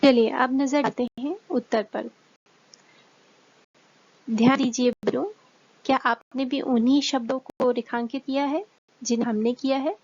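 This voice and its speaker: A woman teacher explaining a grammar lesson to children, slowly and clearly, asking them questions as she goes. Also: high voice, fairly even intonation, a little mellow. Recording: dull, dry lo-fi recording.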